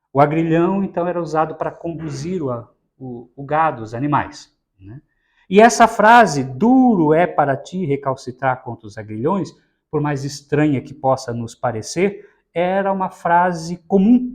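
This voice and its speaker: A man giving an explanatory spiritist Bible talk, often adding "né?" to check in with listeners. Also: fairly high pitch. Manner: explanatory, frequent tag "né?". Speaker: lecturer at a spiritist center.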